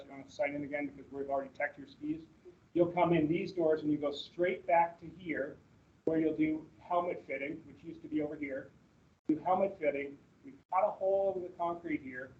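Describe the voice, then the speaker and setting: A man presenting slides at a staff orientation on a video call, talking casually and rambling with fillers and restarts. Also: on the high side. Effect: heard through a video-call meeting recording. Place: meeting room with people present. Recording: dull lo-fi meeting-call audio.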